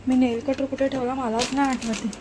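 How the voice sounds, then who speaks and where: A woman's voice: sits high, flat delivery, brisk. A young woman with a Marathi accent, chatting casually to her viewers at home as she goes through her chores and coaxes her baby. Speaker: vlogger, mother of a baby. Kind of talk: casual home vlog chat. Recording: noisy home phone recording.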